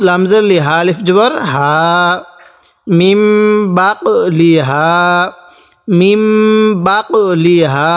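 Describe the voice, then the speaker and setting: Man, high voice, Quran lesson, syllable by syllable, methodical, long hall reverb. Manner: methodical, repeats each syllable and rule, stretches recited words. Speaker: Quran recitation teacher. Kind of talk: spelling-out Quran lesson with slow chanted recitation.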